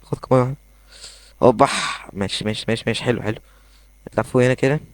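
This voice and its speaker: A young man with an Egyptian accent giving excitable, rambling commentary as he plays a game in his bedroom. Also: mid-range voice, no room sound. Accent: Egyptian Arabic. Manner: excitable, rambling, quick asides. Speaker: gaming YouTuber. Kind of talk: casual gameplay commentary.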